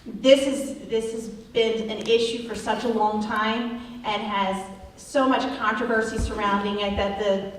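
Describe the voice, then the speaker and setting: A woman's voice: medium pitch, fairly even intonation, a little slow. A woman running for council answers a forum question, earnest and full of ums and restarts. She sits back from the mic in a hall that rings with strong echo. A faint ambient noise sits under her voice. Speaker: council candidate. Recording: echoey hall, distant mic.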